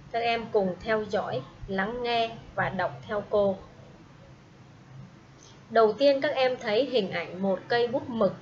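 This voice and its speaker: A woman teaching a primary school English class, speaking slowly and patiently and having pupils repeat each word after her. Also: medium pitch. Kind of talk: slow classroom instruction with repeat-after-me drills. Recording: dull lo-fi audio with faint noise.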